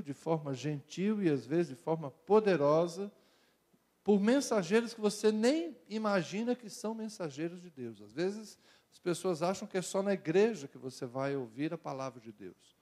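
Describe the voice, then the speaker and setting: A middle-aged Brazilian pastor with a Brazilian Portuguese accent preaches to a youth audience. He talks in a loose, conversational way, mixing jokes with rhythmic repeated phrases, and his voice sits a little high for a man. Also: darkish tone. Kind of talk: sermon to young people.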